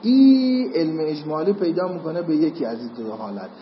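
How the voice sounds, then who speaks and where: High-voiced man lecturing in an echoey hall. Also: animated, slight background noise. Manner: explanatory, checks understanding with "got it?". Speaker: seminary teacher. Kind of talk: lecturing on Islamic jurisprudence. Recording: echoey hall, muffled lo-fi sound.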